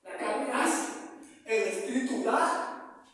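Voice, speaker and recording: A man's voice: very high-pitched, lively intonation, takes it slowly, a bit bright. A pastor preaching a sermon and quizzing his congregation with questions. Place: church hall. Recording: echoey hall, distant mic.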